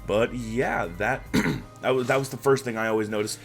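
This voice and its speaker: A man's voice: medium pitch, moderate pace, soft background music. A man hosting a weekly league recap in a loose, chatty way, with a groggy morning voice and plenty of fillers and restarts. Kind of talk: casual recap commentary.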